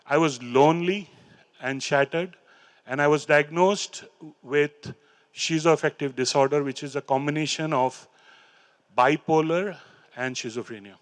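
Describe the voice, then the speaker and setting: Holding a handheld microphone on a big stage in a hall, a middle-aged Indian English speaker, Hindi or Urdu by first language, gives a personal talk about his recovery and recites poems. His voice sits a little high, and he speaks earnestly but haltingly, with fillers and restarts.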